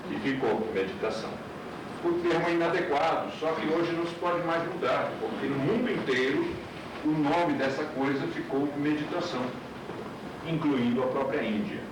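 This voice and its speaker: Male teacher, explanatory lecture with rhetorical questions; old VHS tape sound, hissy and boomy. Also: normal speed, very echoey, recorded from a distance. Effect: old VHS tape recording. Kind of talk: classroom lecture.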